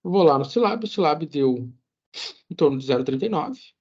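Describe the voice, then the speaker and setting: A man's voice: on the high side, lively intonation, moderate pace, darkish tone. A man teaching an online lecture, walking through code in a casual way, often checking in with the class and correcting himself. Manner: casual, many filler checks, self-correcting. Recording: dull lo-fi audio.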